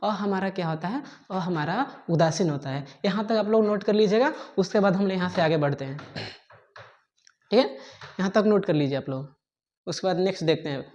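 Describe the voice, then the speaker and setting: A woman teacher dictates a grammar lesson at a steady, unhurried pace. She repeats every definition and keeps checking in with small fillers so her students can keep up with their notes. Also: lowish voice, muffled recording. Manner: repetitive, dictating slowly, frequent checking fillers.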